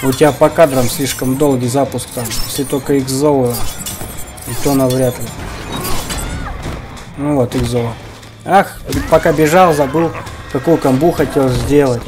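Speaking at a measured pace with frequent pauses, a man with a mid-range, fairly evenly intoned voice offers casual commentary on his own online matches. He mutters remarks to his opponent while fighting game music and sounds fill the background.

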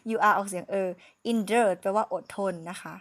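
A woman with a Thai accent teaching English phonics in a relaxed lesson, slowly sounding out words syllable by syllable and laughing at her own slips. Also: medium pitch.

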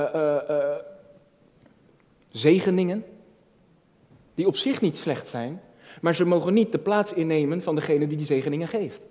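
Man, sermon preacher, fairly high voice, mellow tone, long hall echo, conversational with restarts, emphatic build-ups. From Netherlands. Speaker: youth pastor.

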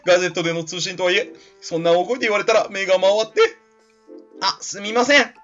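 Dedenne, a squeaky fussy little creature, as a man puts it on. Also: fast talker, a bit bright, faint music behind. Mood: fussy, scolding. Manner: high, fussy, scolding. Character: small scolding electric creature assistant. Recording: slightly dull lo-fi recording.

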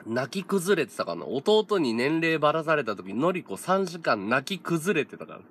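A man's voice: fairly high pitch, very animated, moderate pace, fairly bright tone, a little hiss or hum. A man in his thirties, a streamer, telling a story in casual chat, laughing often and acting out other people's lines. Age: 30s.

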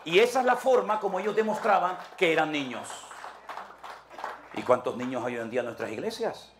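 A man, a pastor preaching a sermon emphatically with forceful peaks. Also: on the high side, a little fast, slight background noise.

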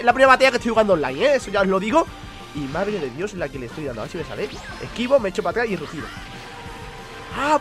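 A young man from Spain with a Spanish accent, commentating his own online game match in fast, excitable bursts and cursing at his own mistakes. He sounds under the weather, with a cough. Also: high-pitched. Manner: excitable, swearing at mistakes, counting out combos. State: ill with a cough. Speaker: gaming YouTuber. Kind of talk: live gameplay commentary.

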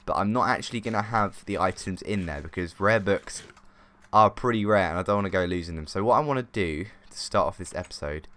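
A man's voice: deep voice, brisk, a bit bright. A man hosting a let's play, giving chatty, easily sidetracked commentary as he plays. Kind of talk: casual gameplay commentary.

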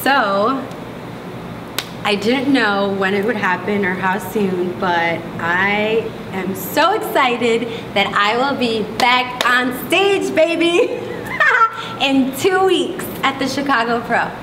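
A woman in her thirties, a bodybuilding competitor, talking excitedly and laughing often in a casual interview in a gym. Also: fairly high pitch, slow pace, background noise. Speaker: pro bikini competitor, interview guest. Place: large indoor gym, in front of a logo wall. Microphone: far camera mic. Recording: echoey room, picked up from a distance, with clear ambience.

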